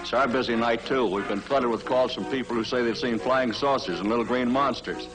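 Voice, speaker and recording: A man's voice: mid-range voice, fairly quick, music in the background, lightly acted, rough recording. An actor playing a busy, matter-of-fact policeman in a 1950s film. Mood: dry.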